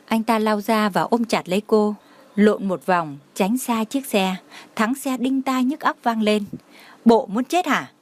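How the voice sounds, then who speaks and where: A woman narrating an emotional audio story in a steady, dramatic reading manner. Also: medium pitch, unhurried.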